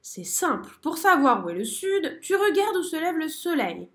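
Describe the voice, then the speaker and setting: A woman voicing a boastful, bossy male blackbird who exclaims loudly. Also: high-pitched, big pitch swings, normal speed, voice pushed up.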